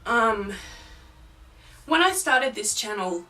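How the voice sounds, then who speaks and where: A woman's voice: fairly high pitch, expressive, slow, pushed and bright. A young woman chatting casually and rambling in a home vlog, with lots of fillers. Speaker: paranormal YouTuber. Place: home, with a film playing in the next room. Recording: distant mic, faint background noise. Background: faint noise of a film playing in another room.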